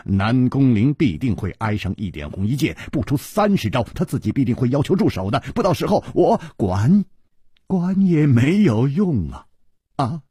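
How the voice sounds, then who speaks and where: A man voicing a wry, calm young swordsman hero in a low, soft, amused voice. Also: normal speed, husky, no room sound, studio quality.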